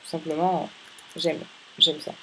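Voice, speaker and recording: Brief: male let's-play host, rambling and playful, talks straight to viewers, mid-high voice, faint hiss. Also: level tone, unhurried, pushed and bright, poor audio. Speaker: gaming channel host. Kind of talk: casual let's-play commentary.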